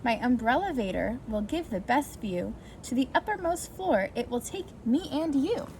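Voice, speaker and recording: A woman whose voice sits high, with lively intonation and a slightly mellow tone, reads a rhyming picture book to preschoolers at a moderate pace. She uses a sing-song delivery aimed at young children and adds brief asides. The amateur recording has obvious noise.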